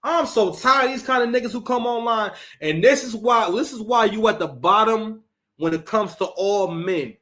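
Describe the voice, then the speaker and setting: A man's voice: high voice, normal speed, fairly bright tone. A man, a former battle rapper, hosting a livestream and giving heated, profane commentary, often repeating words as he restarts.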